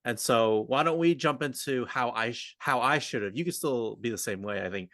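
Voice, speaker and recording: A man co-hosts a podcast as a communication coach, chatting informally and thinking aloud in a conversational coaching discussion that includes roleplay. His mid-range, slightly bright voice moves at normal speed, captured in a dry, studio-quality recording.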